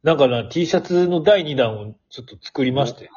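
A man with an Osaka-style Kansai Japanese accent and a very husky voice co-hosts a casual chat. His pitch swings widely as he jokes and repeats himself for emphasis. The audio is somewhat muffled and lo-fi. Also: expressive, fairly quick, darkish tone. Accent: Osaka-area Kansai Japanese. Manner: jokey, repeats himself for emphasis, laughs often. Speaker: radio talk show co-host. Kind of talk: casual two-person banter.

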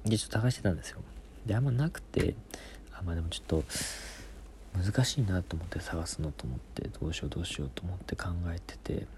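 A man's voice: low-pitched, quick pace, a little mellow, slight background noise. A young man hosting a casual solo talk show, telling rambling stories and answering listener questions, often dropping into whispered asides. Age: young adult. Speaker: podcast host.

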